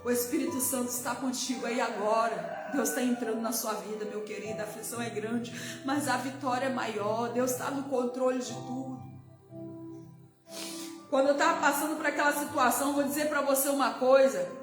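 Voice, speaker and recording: A middle-aged woman missionary preacher with a Brazilian Portuguese accent delivers an emotional testimony sermon, frequently breaking in with hallelujahs. Her voice is on the high side, with fairly even intonation and a moderate pace. The recording sounds roomy, with music behind her.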